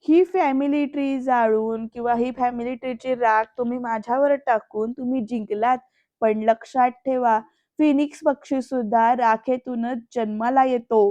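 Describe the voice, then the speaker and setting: A woman voicing a defiant young heroine who speaks slowly and emphatically, on a dull lo-fi recording. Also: on the high side, fairly even intonation, mellow, dry recording, natural voice. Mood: determined. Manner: slow, emphatic, determined. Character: defiant young woman vowing to rebuild her family. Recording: dull lo-fi dry voice-over.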